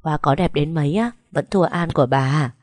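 A woman's voice: deep voice, a little fast, a little mellow, no room sound. A woman doing a doting old grandmother over eighty. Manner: fussing, scolding.

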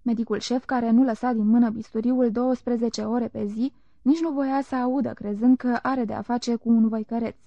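A woman narrating a literary audiobook in a calm, measured reading voice. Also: on the high side, no room sound. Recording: dull lo-fi recording.

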